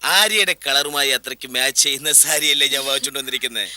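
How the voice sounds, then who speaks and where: A man's voice: medium pitch, racing, sharp tone, no echo. An actor playing a cheerful husband who jokes and teases his wife in a family scene of a TV serial. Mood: jovial. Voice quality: jovial, joking. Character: cheerful, teasing husband bringing a wedding gift. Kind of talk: TV serial acting.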